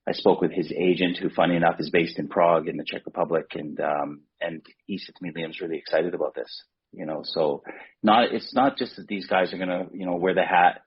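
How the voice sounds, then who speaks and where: A man's voice: deep voice, steady tone, a little fast, husky, dull audio. A man guest on a podcast, telling long rambling stories in casual chat with many restarts.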